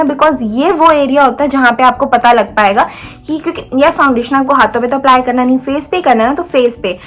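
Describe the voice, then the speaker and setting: A woman's voice: high-pitched, fairly bright tone. A young woman from India giving a makeup tutorial in a chatty, step-by-step way, often checking in with the viewer. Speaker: beauty vlogger. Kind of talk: makeup tutorial, casual Hinglish chat.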